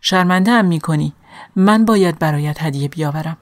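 A woman voicing a gentle sixty-year-old aunt. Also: low-pitched, dry recording, clean studio sound, lightly acted. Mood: blessing. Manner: soft, motherly, consoling. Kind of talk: audiobook reading.

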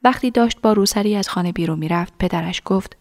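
Creaky-voiced woman reading a story. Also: mid-range voice, darkish tone, no room sound, studio quality. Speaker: narrator. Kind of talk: scripted story narration.

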